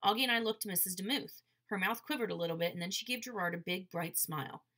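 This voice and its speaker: Bright-voiced woman reading a story. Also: mid-range voice, fast. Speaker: audiobook reader. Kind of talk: audiobook narration.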